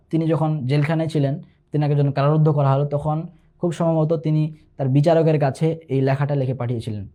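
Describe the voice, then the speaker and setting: Male instructor, fairly high voice, patient online exam-prep lesson, repeats each term. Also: mellow. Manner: explains patiently, repeats key terms and asks rhetorical questions; slows to recite Arabic examples.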